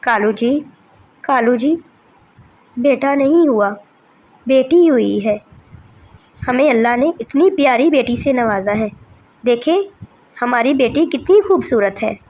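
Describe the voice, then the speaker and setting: A woman voicing a gentle, sorrowful mother crow in a cartoon, speaking softly and pleadingly. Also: on the high side, animated, slow pace, pauses often, exaggerated voice. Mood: tender. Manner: pleading, soft.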